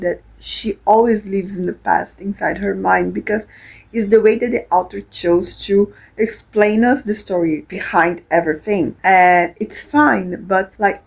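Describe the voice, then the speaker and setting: A woman's voice: mid-range voice, vocal fry, poor audio. A young woman from Brazil, chatting casually about a book she is reading, rambling with many fillers and restarts. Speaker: book vlogger. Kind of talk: casual reading vlog chat.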